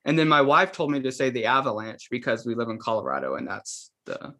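His mid-range voice is very animated, a little fast, and somewhat bright. A young Seattle-area man from Washington, he's a seminary student appearing as a podcast guest, teasing himself and joking through a laid-back video call.

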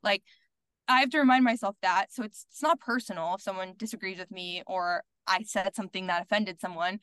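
Brisk and smooth, her mid-range voice has a fairly bright tone, and the recording carries no room sound. She's a woman content creator appearing as a podcast guest, speaking openly and bluntly in relaxed chat, full of "like" and the odd swear.

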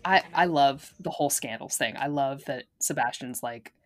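A woman's voice: a bass voice, moderate pace, faint music behind. A woman co-hosting a podcast, talking casually with frequent laughs and fillers. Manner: chatty, laughs often, lots of fillers. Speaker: podcast co-host.

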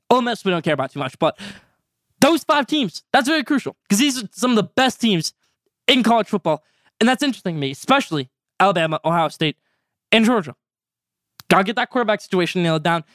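A fifteen-year-old boy hosting his own sports podcast, talking energetically and stretching out segment names when excited. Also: high voice, dry recording, studio quality. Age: teens. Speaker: podcast host. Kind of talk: solo sports podcast commentary.

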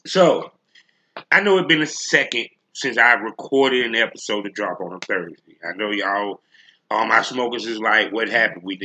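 Forceful, bright-voiced man ranting as podcast host. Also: lowish voice. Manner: blunt, profane, slangy, emphatic. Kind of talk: solo rant to listeners.

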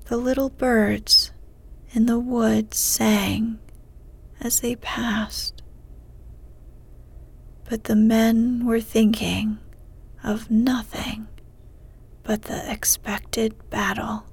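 A woman reading a story aloud in a soft, unhurried ASMR whisper. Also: on the high side, flat delivery, gravelly, breathy edge.

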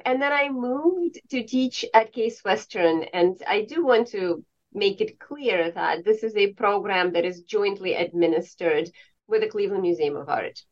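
A woman from Estonia, a professor of art history, speaking thoughtfully in an interview with frequent pauses. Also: mid-range voice. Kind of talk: conversational interview. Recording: dull lo-fi sound.

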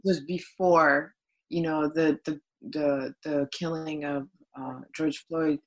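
A woman from Belgium speaking as a podcast guest in a casual interview, searching for words with frequent pauses. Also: sits low, steady tone, low-quality recording. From Brussels, Belgium. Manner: searching for words, many fillers.

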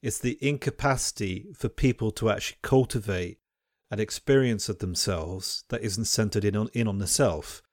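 Fairly low in pitch and moderately paced, a male podcast host and university teacher reflects in conversation, speaking in a considered, scholarly manner and often restarting his phrases. The studio sound is clean, with no room sound.

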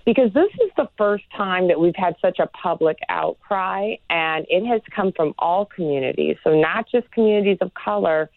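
Guest expert, woman, neuroscience professor, earnest and measured, lowish voice, narrow phone-line sound. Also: lively intonation, no room sound. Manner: earnest, measured, many "you know" fillers. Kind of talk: interview answers.

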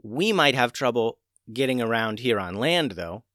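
A man voicing a bewildered young mermaid, high and flustered, often shrieking. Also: sing-song, normal speed, a bit bright, dry recording, studio quality. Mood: hesitant.

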